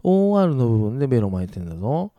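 Male English teacher, dark warm tone, dry booth sound, brisk and playful delivery. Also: medium pitch, big pitch swings, dry recording, muffled recording. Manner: brisk teacherly, slows right down to model English words clearly; casual rough-edged male speech, playful asides. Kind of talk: recorded English pronunciation lesson.

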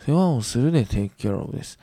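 A man teaching English grammar, patiently repeating each example sentence slowly and reassuring his students. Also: medium pitch, expressive, warm tone, dry recording. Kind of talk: recorded grammar lesson.

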